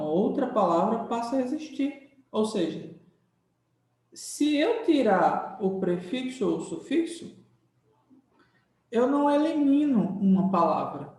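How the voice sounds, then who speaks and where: A man's voice: sits high, vocal fry. A man teaching a grammar lesson, explaining patiently and checking in with the class after every point. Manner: drawn-out explaining, frequent "tá?" check-ins. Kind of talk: classroom lecture. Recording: very echoey room, mic far off.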